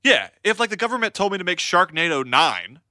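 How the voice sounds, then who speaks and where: A man's voice: high voice, big pitch swings, brisk, sharp tone, no echo, studio quality. A man co-hosting a casual podcast, rambling with fillers and restarts as he builds a theory. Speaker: podcast co-host.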